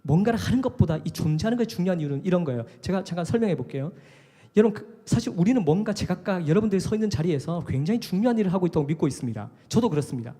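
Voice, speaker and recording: A man preaches live in an animated, conversational way, now and then acting out other voices. His voice is high, mellow and husky. Long reverb from the hall trails behind his words. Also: racing. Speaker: worship leader preaching. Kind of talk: live sermon. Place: live worship service in a hall.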